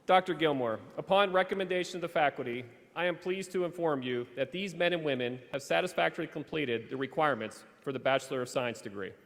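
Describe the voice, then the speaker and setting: Brief: man, slightly high voice, formal ceremony announcer at a podium mic, theater reverb behind him. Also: quick pace, vocal fry, few pauses, a bit bright. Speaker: college official presenting the graduates. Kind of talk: formal commencement ceremony address. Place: large theater. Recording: long reverb of a large theater.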